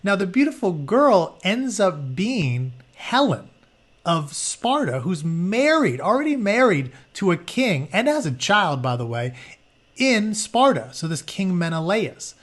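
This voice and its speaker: A male teacher reads a book aloud in a high-pitched, sing-song, slightly bright voice at a measured pace. He mixes the narration with informal, conversational explanations as he goes.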